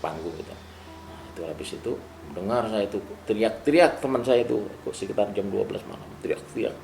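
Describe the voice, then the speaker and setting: An older man telling a story in casual spoken style, animated and rising to loud bursts at tense moments, with a gravelly voice. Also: lowish voice, a little fast, soft background music. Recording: roomy room with clear background ambience.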